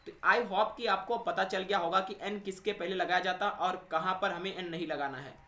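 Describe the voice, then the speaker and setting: A man teaches an exam-prep grammar lesson, asking questions and answering them himself. His voice is bright and sharp. The room around him is echoey. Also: high voice. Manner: addresses students as friends and little brothers, asks and answers own questions. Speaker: English teacher.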